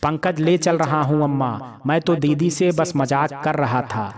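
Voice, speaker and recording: A man's voice: fairly high pitch, unhurried, close to an everyday voice. A man voicing a young man teasing his older sister in a playful, cheeky way, with crowd noise behind.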